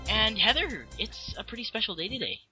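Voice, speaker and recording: A man's voice: high voice, sing-song, fairly quick, muffled recording, over music. A man with a Canadian accent, casually introducing guests as a podcast host. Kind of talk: casual upbeat podcast hosting.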